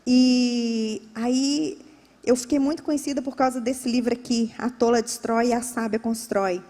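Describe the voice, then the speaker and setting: A woman's voice: a little high, steady tone, moderate pace, warm tone, in a large hall. A woman pastor with a Brazilian Portuguese accent, preaching a sermon with emphatic, repetitive phrasing. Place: church.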